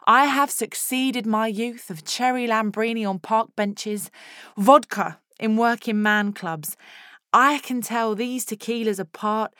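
Actress as frank, cheeky Essex woman, thirties, colloquial dramatic monologue, measured pace, dry studio-like sound. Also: medium pitch, a bit bright, no room sound. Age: 30s. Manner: colloquial, frank, wry asides. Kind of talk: scripted first-person dramatic monologue.

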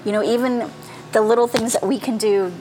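Earnest woman panelist, animated. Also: fairly high pitch, brisk, poor audio. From Vietnam. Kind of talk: casual panel talk.

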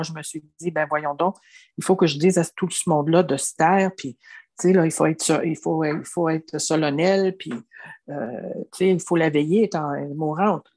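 A deep, slightly mellow female voice tells a personal life story in an interview. The speaker, in her seventies and from Quebec, has a Québécois French accent and speaks earnestly and reflectively, often restarting and using "tu sais."

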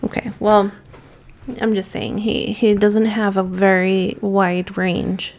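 Woman on a movie podcast, laid back, says "like" a lot, mid pitch. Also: slow. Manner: relaxed and hedging, with many fillers like "like" and "you know". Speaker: podcast co-host. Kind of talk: casual movie-review chat.

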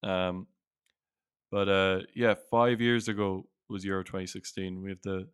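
Irish bloke hosting relaxed sports chat, really smooth clean voice, pretty flat low tone. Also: male voice, measured pace, no echo, clean studio sound. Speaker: podcast host.

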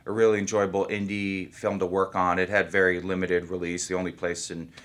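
Man, deep low voice, actor being interviewed, easygoing, thinks out loud. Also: flat delivery, brisk. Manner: easygoing, rambling, thinks aloud. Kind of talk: casual interview talk.

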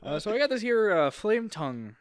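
A man's voice: high-pitched, very animated, fairly quick, smooth. A man acting as game master, narrating off the cuff in an informal, joking, sweary way. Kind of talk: casual tabletop game narration, improvised.

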